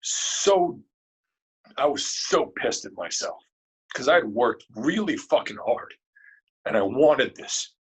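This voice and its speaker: A man, a guest in an interview, telling a story in a casual, animated and emotional way, cursing freely. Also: medium pitch, slow, long pauses, breathy edge, poor audio.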